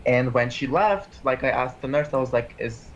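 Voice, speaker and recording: An animated Armenian-born man in his twenties, here as an interview guest who's applying to PA school, talks casually at a normal speed in a medium-pitched voice. He rambles, using "like" a lot and restarting frequently. The audio is dull, with slight background noise.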